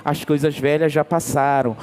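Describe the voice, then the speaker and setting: High-voiced preacher in a reverberant church. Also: male voice, little pitch movement, normal speed, darkish tone. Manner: emphatic, calls on the congregation to respond. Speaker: pastor. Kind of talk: sermon.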